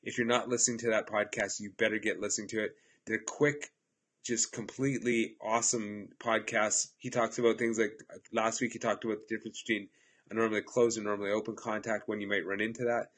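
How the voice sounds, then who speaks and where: An electrical instructor in his forties, stuffed up with a cold, chats upbeat and enthusiastically about apps for electricians over a laptop webcam at his home-office desk. His voice is on the low side, brisk, a bit bright and slightly rough, with a flat delivery.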